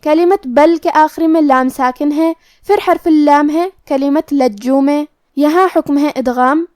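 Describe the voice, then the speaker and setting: High-voiced woman teaching slow, careful lessons. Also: no echo, clean studio sound. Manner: calm, methodical explanation of pronunciation rules. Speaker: Quran recitation teacher. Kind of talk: tajweed lesson, explaining then reciting slowly.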